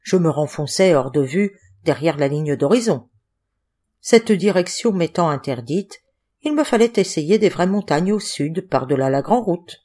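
Low-voiced woman reading an audiobook. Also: animated, unhurried, dark tone. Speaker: audiobook reader. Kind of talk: scripted narration.

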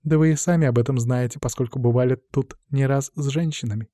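A man voicing a vengeful young woman who speaks slowly and mockingly, with quiet menace. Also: mid-range voice, fairly even intonation, dry recording, clean studio sound, lightly acted. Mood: cold menace.

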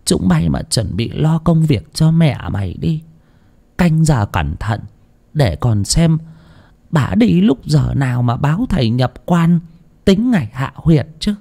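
A man as a stooped old village granny in her eighties, soft and blunt, a little raised. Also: on the high side, sing-song, unhurried, vocal fry, voice pushed up, heavily acted. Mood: hushed, matter-of-fact. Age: 80s. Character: very old village woman, toothless, stooped, matter-of-fact.

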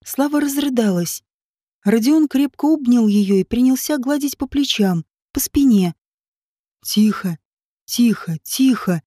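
Mellow female audiobook narrator. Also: high voice, normal speed, dry recording. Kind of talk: scripted narration.

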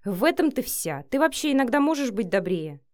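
A woman reading the lines of a cruel, scheming woman in an audiobook, with a sharp, commanding manner. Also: fairly high pitch, big pitch swings, fairly quick, no echo, clean studio sound, voice pushed up. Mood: scornful.

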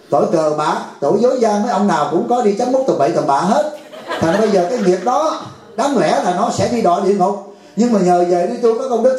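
A man's voice: sits high, warm tone. A man giving a joking, conversational Buddhist dharma talk at a retreat, often asking the audience "right?". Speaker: Buddhist teacher. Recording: very echoey hall.

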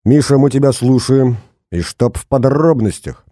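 A man reading an audiobook, voicing an excitable middle-aged female physics teacher who exclaims and commands. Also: medium pitch, normal speed, no room sound, studio quality, voice pushed up, close to an everyday voice. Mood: excited. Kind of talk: audiobook character voice.

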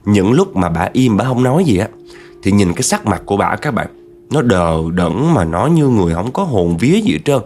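Chatty low-voiced man. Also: sing-song, brisk, a little mellow. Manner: chatty, addresses listeners directly. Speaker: horror storyteller. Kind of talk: spooky story narration.

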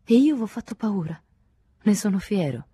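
A woman's voice: medium pitch, lively intonation, moderate pace, mellow, husky, dry recording, studio quality, voice pushed up. A woman reading the part of a tired, brooding man in an audiobook, answering in terse, curt replies. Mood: flaring.

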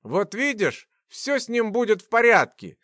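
Playing a sneering, cruel mentor, a man pitches his voice above his natural range, producing a high, fairly bright sound with big pitch swings at a moderate pace. His tone is mocking, full of venomous, hissing scorn. The recording is dry and clean, with studio quality.

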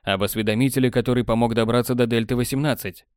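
Male narrator, mid pitch, even storytelling, dry studio sound. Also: fast, smooth, no echo. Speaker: audiobook narrator. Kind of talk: scripted narration.

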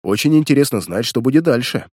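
A man's voice: mid-range voice, expressive, quick pace, darkish tone, slightly rough, no echo, studio quality. A man voicing a shrewd, keen male detective.

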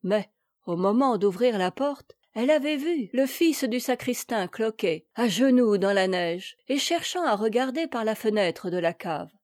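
A woman reading a storybook tale aloud in a measured, gentle way. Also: on the high side, expressive, no room sound, clean studio sound. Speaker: audiobook reader. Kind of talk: scripted storybook narration.

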